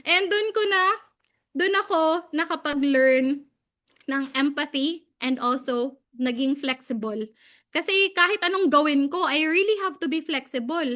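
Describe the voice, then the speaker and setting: A young Filipino woman with a Filipino accent telling a story in a casual talk, animated and often laughing as she switches between Tagalog and English. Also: high-pitched. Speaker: guest speaker.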